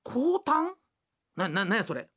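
A blunt, boisterous middle-aged husband, put on by a woman telling rakugo, speaking broad Kansai dialect. His pitch swings widely as he blurts things out. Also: very animated, husky, exaggerated voice. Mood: puzzled. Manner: blunt, boisterous, quick to shout. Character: bumbling loud middle-aged Osaka husband. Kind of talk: rakugo storytelling.

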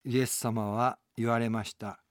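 A man's voice: medium pitch, level tone, a little slow, no room sound. A man, a pastor, delivering an earnest, emphatic radio sermon from a studio.

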